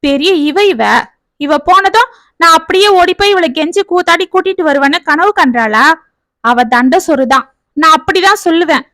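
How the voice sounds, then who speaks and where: Woman playing a bitter middle-aged father, scolding, ranting, high voice, storybook reading, dry close sound. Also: a little fast, pushed and bright, no room sound. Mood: angry.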